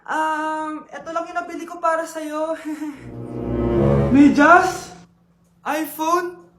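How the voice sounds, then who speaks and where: A woman's voice: sits high, fairly even intonation, slow. A woman performing comic skits, switching between a scolding mother and a whiny child. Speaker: comedy sketch creator. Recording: music playing behind the voice.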